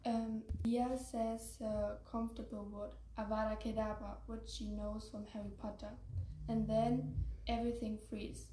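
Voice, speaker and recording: A young teenage girl with a German accent tells a story in halting English. Her slightly high voice has a muted, dark tone and little melody, in an echoey room with faint noise. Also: flat delivery. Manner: halting non-native English. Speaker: student storyteller. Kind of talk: story presentation.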